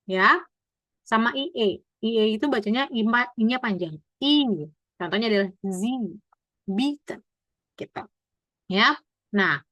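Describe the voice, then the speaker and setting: A woman teaching German pronunciation in an online class, explaining patiently and often checking in with "gitu ya" as she slowly models each sound. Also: mid-range voice, a bit bright, no echo.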